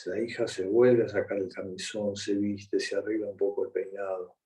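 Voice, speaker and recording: Argentine guy giving a lecture, keeps checking in with the room, dark mellow voice, mic kinda far off. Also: lowish voice, flat delivery, moderate pace. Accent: Rioplatense Spanish. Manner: conversational lecturing, checking in with the audience. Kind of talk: conference lecture. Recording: voice picked up from a distance.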